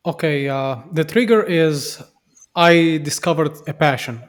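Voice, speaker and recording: A man's voice: fairly high pitch, a little slow. A young man from Syria, a podcast guest, speaking earnestly and reflectively with frequent fillers and restarts. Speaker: podcast guest, software developer. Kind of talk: conversational interview.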